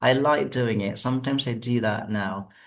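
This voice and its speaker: A young man with an Indonesian accent, teaching spoken English on a video call, switching between English and Indonesian with lively, varied intonation. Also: medium pitch, unhurried. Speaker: English speaking trainer. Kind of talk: online speaking workshop talk.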